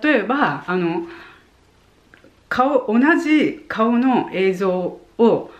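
A woman in her forties from Japan giving friendly advice to her viewers in a casual, chatty way, full of soft fillers and asides. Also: mid-range voice, extremely slow. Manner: animated, demonstrating points with voice tone. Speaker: vlogger. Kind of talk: casual advice talk to camera.

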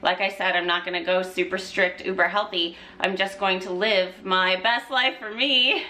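Chatty upbeat lady vlogging, bright clear tone. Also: medium pitch, steady tone, normal speed. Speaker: nutrition vlogger. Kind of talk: casual vlog chat.

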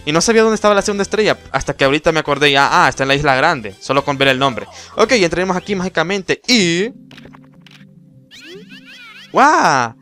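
A man's voice: a little high, lively intonation, sharp tone, soft background music. Chatty man narrating his gameplay. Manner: chatty, rambling, quick exclamations. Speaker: let's play host. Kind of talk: casual gameplay commentary.

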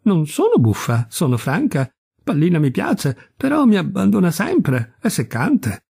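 A cheeky young woman with a high, bouncing voice and a frank, mocking tongue, as a male reader puts her on. The voice keeps a dark, husky grain under the lifted tone. Her lines come from a spoken storybook reading. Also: huge pitch swings, unhurried, no echo, clean studio sound, exaggerated voice. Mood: teasing. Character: young woman, saucy, teasing, bold.

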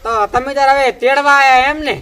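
An actor playing a hot-tempered, stubborn village father in a comedy skit, scolding rapidly. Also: very high-pitched, little pitch movement, sharp tone. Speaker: comic actor.

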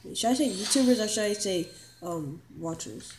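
A woman giving casual, rambling commentary over a gameplay video, excitable and full of quick exclamations. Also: medium pitch, slight background noise.

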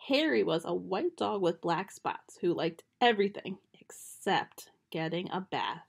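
A young woman with a lowish, gravelly, husky voice reads a children's picture book aloud at home, animated yet unhurried in a gentle storytime style. She's recorded close up on a webcam in a small bedroom.

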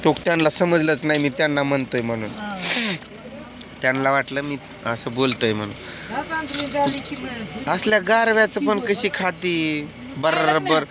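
A man talks in a nagging, exasperated way, scolding his family through a comic skit of village life. His voice sits a little higher than most men's. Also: lively intonation, a little slow, long pauses, crowd noise. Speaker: comic vlogger.

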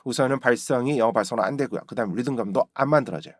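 A man's voice: mid-range voice, rapid-fire, no room sound, studio quality. A man teaching English pronunciation in a video lesson, repeating example words with exaggerated stress and often checking with "right?".

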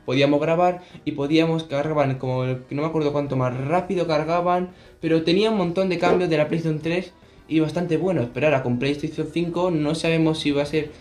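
Sitting indoors in his bedroom, a Spanish teen gaming YouTuber with an accent from Spain talks to a closely framed camera on his desk. He's jokey and rambling, and his male voice is on the high side, steady, a little fast and a little mellow.

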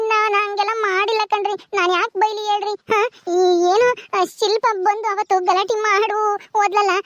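A woman's voice: very high voice, fairly bright tone, dry recording. A woman acting a young village wife who protests her innocence, pleading with her elders.

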